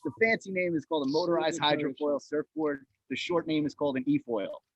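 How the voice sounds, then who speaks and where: A man, a guest in a casual interview, talking haltingly and repeating words. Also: fairly high pitch, no room sound, lo-fi sound. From Brooklyn, United States. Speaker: guest, sports chiropractor.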